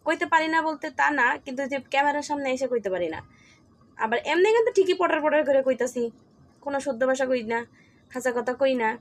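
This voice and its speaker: A woman from Tangail with a Tangail Bengali accent, chatting casually and laughing as she tells a story at home while cooking. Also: on the high side. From Tangail, Bangladesh. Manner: chatty and laughing, mixes dialect words. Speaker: vlogger.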